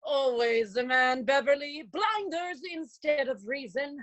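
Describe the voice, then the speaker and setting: A woman playing a curt, high-voiced female doctor. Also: animated, a little slow, a bit bright, no room sound. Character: sharp-tongued female doctor. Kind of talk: comic audio drama acting. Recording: dull, dry lo-fi recording.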